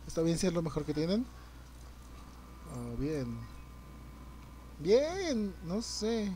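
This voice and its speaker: A young man, streaming a game live, reacting loudly, swearing and greeting his chat. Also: on the high side, very animated, slow, slight background noise. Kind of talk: live gameplay commentary.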